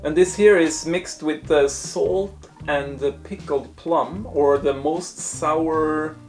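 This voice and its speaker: A man's voice: on the high side, steady tone, slow, faint music behind. A man presenting a casual taste-test review, thinking aloud in hesitant, broken phrases. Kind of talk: casual food review talk to camera.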